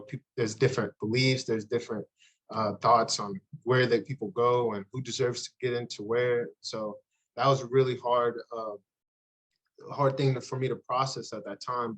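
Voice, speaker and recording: A man in his thirties from Uganda, a youth pastor speaking earnestly and haltingly in a podcast interview. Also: mid-range voice, fairly bright tone, low-quality recording. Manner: earnest, halting, with frequent restarts.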